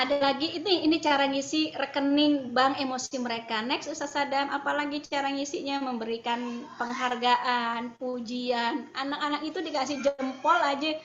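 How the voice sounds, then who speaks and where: A woman's voice: high-pitched, fairly bright tone, slight background noise. A woman giving a chatty, informal parenting talk to parents over a video call, with lots of tag fillers and light laughs. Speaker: parenting speaker at a school parents' meeting. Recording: roomy, dull video-call audio.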